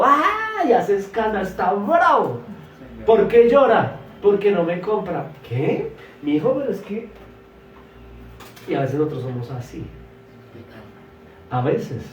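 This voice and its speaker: A pastor preaching a sermon, swinging between loud emphatic exclamations and soft asides, and stretching words slowly for emphasis. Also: male voice, high voice, distant mic. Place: church hall. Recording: echoey church, voice from afar.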